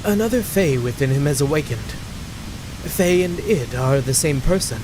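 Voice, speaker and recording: A man voicing a composed male doctor-strategist with a British accent slipping in, speaking in a measured, even way, with game music behind. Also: on the high side, poor audio. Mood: calm. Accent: British, put on.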